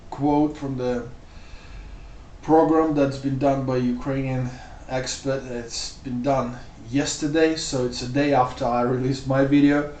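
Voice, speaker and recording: A man's voice: mid-range voice, level tone, measured pace, a little mellow, a little hiss or hum. A man talking through his views in a loose, rambling way, full of "like" and "you know". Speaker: vlogger. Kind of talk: casual spoken commentary. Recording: roomy sound, mic off at a distance.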